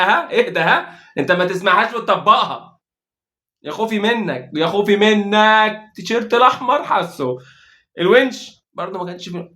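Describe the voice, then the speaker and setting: A man with an Egyptian accent giving a joking, sarcastic football match recap in fast, exasperated rants. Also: high-pitched, bright, forceful tone. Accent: Egyptian Arabic. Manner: joking, mocking, rapid rants with exasperated asides. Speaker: football fan commentator.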